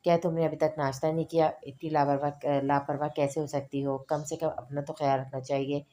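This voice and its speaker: A woman's voice: deep voice, level tone, brisk, mellow, natural voice. A woman voicing a stern, doting young husband who scolds firmly. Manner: scolding, firm.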